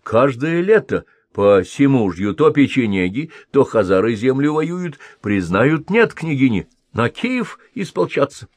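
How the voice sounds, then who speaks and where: A man voicing a proud, quick-tempered princess with a raised, haughty delivery, in an audiobook reading. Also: medium pitch, big pitch swings, no room sound, pitched above the performer's own voice.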